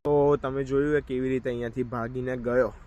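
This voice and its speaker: A man's voice: mid-range voice, little pitch movement, fairly quick, highs cut off, over loud music. A man telling a story in a casual vlog, talking straight to his viewers while outdoors in a park. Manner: chatty, addresses viewers directly. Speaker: vlogger.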